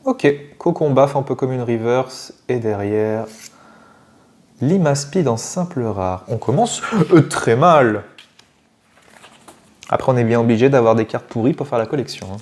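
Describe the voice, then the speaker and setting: A man with a French accent chatting casually while opening trading card packs, excitable and given to swearing and sudden shouts. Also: mid-range voice, unhurried. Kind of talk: casual unboxing chat.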